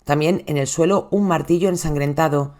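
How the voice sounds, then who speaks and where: A true crime host with a Spain Spanish accent giving a scripted narration, dropping the voice low on tense details. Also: normal speed, a little mellow.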